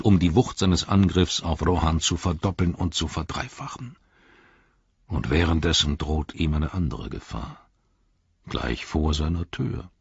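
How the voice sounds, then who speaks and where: Old wizard, male, wry and grave, low husky gravel, a male reader doing him; dull lo-fi audio. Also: no room sound, heavily acted. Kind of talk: audiobook reading.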